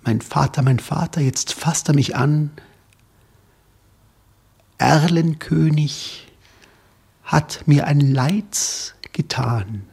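A man's voice: fairly high pitch, animated, unhurried, creaky, a little mellow, slightly rough, voice pushed up, full character voice. A man voicing a terrified young boy who cries out to his father in urgent, pleading calls. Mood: frightened.

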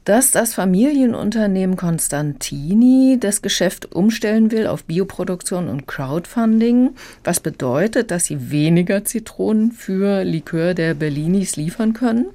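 A woman's voice: mid-range voice, expressive, normal speed, few pauses, dark tone. A woman acting as a literary critic, who explains and summarizes a novel fluently in a radio interview. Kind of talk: radio book review interview.

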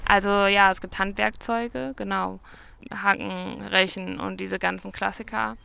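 A woman's voice: mid-range voice, flat delivery, measured pace, vocal fry, sharp tone, clear, resonant tone. A woman in her twenties, a market gardener, answering interview questions outdoors in a chatty, self-correcting way. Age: 20s. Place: outdoors at a vegetable field.

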